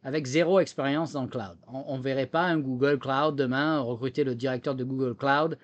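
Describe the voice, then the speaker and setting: A French man, a technology entrepreneur and former government official, gives explanatory answers as an interview guest, often repeating words while searching for the next. His French accent carries a slight American tinge. The recording is muffled; his medium-pitched voice is steady and a little fast.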